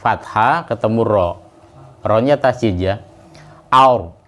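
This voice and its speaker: A man teaching Quran recitation to a class, speaking casually between verses and drawing the recited words out slowly. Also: mid-range voice, expressive. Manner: casual explanations in between, calls the class to repeat.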